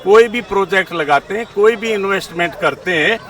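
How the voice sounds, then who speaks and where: Male, 70s, high voice, opinionated street interviewee, English terms mixed in, distant outdoor pickup. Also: brisk, fairly bright tone. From India. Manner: repeats a verbal filler, mixes English terms into speech. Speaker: interviewee giving political opinions.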